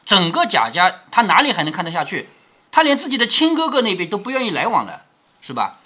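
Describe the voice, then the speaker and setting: A man retells a classic novel and stops to explain it, often posing rhetorical questions. His voice is bright and slightly husky. His pitch moves very expressively. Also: wildly swooping pitch, quick pace. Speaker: narrator and commentator reading a classic novel. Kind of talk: storytelling with commentary.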